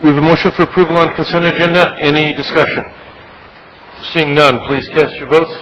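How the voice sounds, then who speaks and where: A man's voice: fairly high pitch, fairly even intonation, a little fast, noisy background. An American man chairing a public meeting, speaking in informal procedural phrases. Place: government meeting room.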